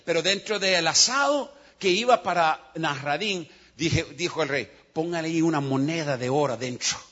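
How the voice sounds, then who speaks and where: A man's voice: on the high side, a bit bright. A man preaching in a sermon and telling a story, changing his voice for the characters. The sound is dull and lo-fi. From United States.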